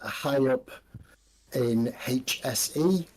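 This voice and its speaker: A man narrating as game master in a tabletop game, halting and full of ums. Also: mid-range voice, darkish tone, slight background noise, rough recording.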